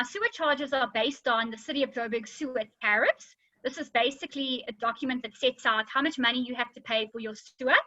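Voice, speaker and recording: A woman, a lawyer, giving a clear explanatory webinar talk with a slight slur from recent dental work. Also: a little high, bright, forceful tone, dry recording, lo-fi sound. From South Africa. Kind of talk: webinar presentation.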